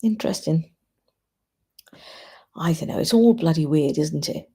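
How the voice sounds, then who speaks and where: A woman hosting a casual livestream, thinking aloud and giving opinions informally in a husky, gravelly voice. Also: deep voice, measured pace, mellow. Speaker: livestream host. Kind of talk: casual chat to live commenters.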